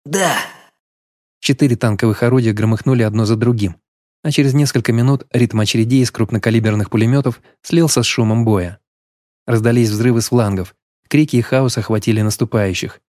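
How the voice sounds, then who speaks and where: Male audiobook narrator, mid pitch, steady storytelling delivery. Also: brisk, dry recording, clean studio sound. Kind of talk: first-person audiobook narration.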